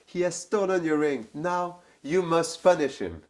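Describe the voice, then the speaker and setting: A man's voice: fairly high pitch, expressive, unhurried, voice pushed up. A man telling a story and voicing a stern, accusing young female confidante. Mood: urging. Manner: urgent, accusing.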